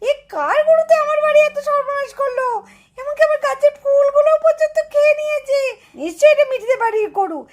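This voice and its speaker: A woman voicing a quarrelsome village mother in a doll show, scolding and shouting her complaints. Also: very high voice, expressive, a little fast. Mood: disgusted. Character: shrill quarrelsome village mother, easily enraged.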